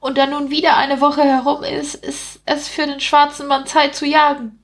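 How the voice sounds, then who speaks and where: A woman doing a squeaky, cheeky street rat. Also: completely flat delivery, normal speed. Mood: mocking. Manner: indignant, mocking, high squeaky voice.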